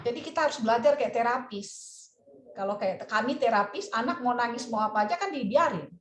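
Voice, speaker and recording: Woman therapist, lively seminar speaker, higher voice, swooping pitch, roomy video-call sound. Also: a little fast, a little hiss or hum. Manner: animated, expressive, repeats key phrases. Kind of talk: webinar talk over video call.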